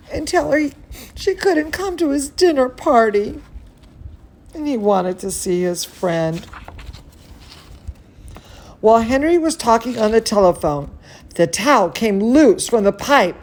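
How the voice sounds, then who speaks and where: A dance studio teacher, a woman with a fairly high voice, tells bedtime stories and has a cozy chat with little children. She sounds expressive and soothing in a singsong way, bantering playfully like someone talking to a pet or companion.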